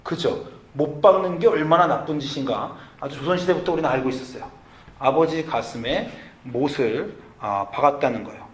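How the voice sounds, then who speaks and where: A man's voice: on the high side, moderate pace, reverberant. A male pastor preaching a sermon with a storytelling delivery, asking the congregation questions and acting out the voices in the story. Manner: storytelling preacher who acts out quoted lines with sudden loud outbursts; asks the congregation questions directly. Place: church sanctuary.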